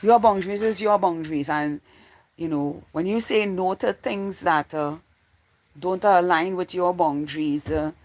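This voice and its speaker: Her voice sits on the low side with a darkish tone, and she keeps a measured pace. This woman in her forties from Trinidad and Tobago hosts a casual livestream chat, rambling on and repeating phrases as ideas come to her.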